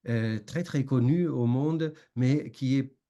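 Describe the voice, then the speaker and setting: A man who is not a native speaker, giving an academic seminar talk with a foreign accent in a halting, hesitant way full of long fillers. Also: mid-range voice, mellow. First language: not French. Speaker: academic lecturer.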